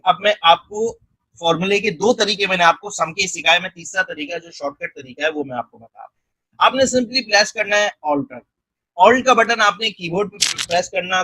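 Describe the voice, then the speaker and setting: A man narrating a screen-recorded software tutorial step by step. He keeps checking in with the viewer and mixes English technical terms into his speech. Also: high-pitched, husky, dry recording, rough recording. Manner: step-by-step, repeating "theek hai" and "ye dekhen" to guide the viewer.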